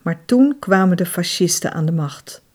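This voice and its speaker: A woman reading a novel aloud in steady, measured audiobook narration. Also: on the low side. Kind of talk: scripted narration.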